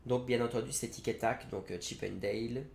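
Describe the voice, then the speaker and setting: A man's voice: medium pitch, fairly even intonation, a little fast, gravelly, darkish tone. A young man reviewing trading card game products in a casual, hesitant way, with frequent fillers and self-corrections. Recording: roomy echo, faint background noise.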